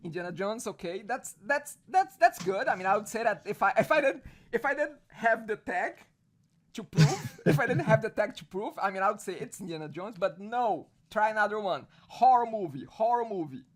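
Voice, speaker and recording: A man's voice: sits high, sing-song, normal speed, a crowd in the background. A man hosting a casual online video chat. He laughs often and restarts his phrases. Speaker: host.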